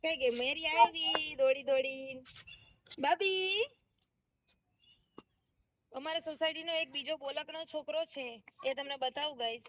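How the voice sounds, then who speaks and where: A woman's voice: high voice, fairly even intonation, normal speed, hardly any pauses, a bit bright. A woman, a mother hosting a casual family vlog, chatty and coaxing her children with questions.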